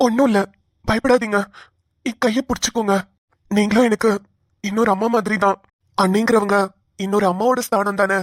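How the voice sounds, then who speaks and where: A woman voicing a kind young man in a cartoon who calms and reassures others. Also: high voice, moderate pace, no echo. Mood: reassuring. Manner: soothing, reassuring. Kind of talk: cartoon voice acting.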